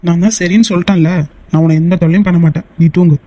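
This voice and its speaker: A voice actor dubbing a teasing, easily annoyed young man in a cartoon, talking in fast, bickering banter. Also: medium pitch, steady tone, dark tone, lo-fi sound, close to an everyday voice. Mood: exasperated. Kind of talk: cartoon voice dub.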